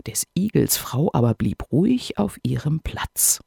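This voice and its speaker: A man reading a fairy tale aloud as a storyteller, in an expressive way. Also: a little high, unhurried, gravelly, breathy edge, dry recording, clean studio sound.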